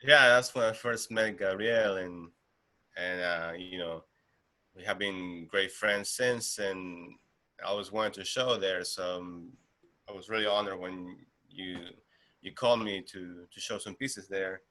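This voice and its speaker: Deep-voiced man from Argentina, unhurried. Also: pushed and bright. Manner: unhurried, many fillers and restarts. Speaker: guest artist. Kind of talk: casual interview talk.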